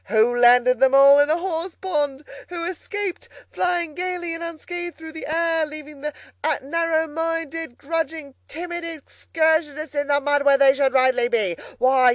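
A conceited fat gentleman toad from a storybook, acted out by a narrator, with a raised, excitable voice. He exclaims grandly and dramatically, as if every feeling were enormous. The sound is dry, with no room around it. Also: high voice, no echo, voice pushed up. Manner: boastful, exclamatory, swings from crowing to lamenting.

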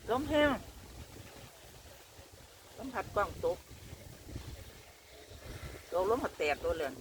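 A woman's voice: medium pitch, very animated, slow pace, noisy background. A woman with a Northeastern Thai Isan accent chats casually to viewers while eating, her mouth full at times. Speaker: vlogger. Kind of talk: casual mukbang chat to viewers.

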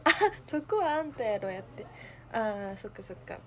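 A woman's voice: medium pitch, animated, moderate pace, a little mellow, a little hiss or hum. A young woman with a Kansai accent, hosting a livestream in casual chat, playful and giggly, thinking aloud. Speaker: idol livestream host.

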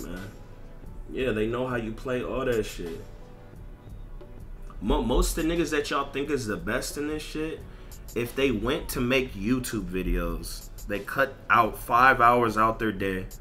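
Over his game, a streamer with a medium-pitched, sharp-toned voice goes on a casual rant. Expect bluntness, emphasis, repetition, and plenty of slang and cursing.

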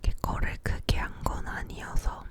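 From her living room, a young ASMR video maker whispers about everyday matters in a casual chat. She murmurs gently and slowly, leaning right up to an ear-to-ear microphone close to her mouth.

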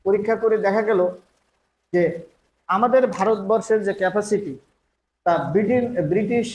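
A man, an educator, giving a speech at a meeting, firing rhetorical questions and mixing in English phrases. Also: high-pitched. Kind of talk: public speech. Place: meeting hall. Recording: echoey hall microphone.

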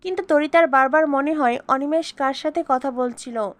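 A woman reading a scripted story recap in an even, steady way. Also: high voice, moderate pace, dry recording. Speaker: narrator.

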